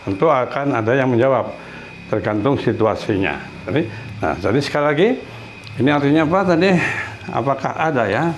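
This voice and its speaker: Male language teacher at a whiteboard, mid-pitched voice, patient and repetitive, light background hiss. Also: animated. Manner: patient, repeats examples slowly. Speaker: Spanish teacher. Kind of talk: casual whiteboard lesson.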